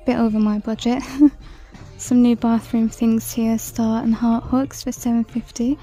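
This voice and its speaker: Chatty woman with a mellow voice. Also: a little high, flat delivery, unhurried, faint music behind. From United Kingdom. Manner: chatty, reads out prices, drops to soft whispers at times. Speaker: shopping vlogger. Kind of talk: casual shop-with-me commentary. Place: large indoor store. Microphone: handheld phone camera.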